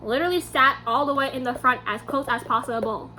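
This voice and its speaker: A young woman vlogger telling a story to camera in a casual, animated way, acting out her own quotes. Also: high-pitched, a little fast, slight background noise.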